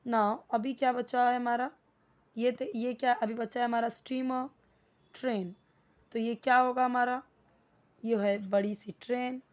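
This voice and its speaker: A woman teaching English to beginners, patiently repeating each word slowly and breaking it into parts. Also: fairly high pitch, darkish tone, dull audio. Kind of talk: spoken English lesson for beginners.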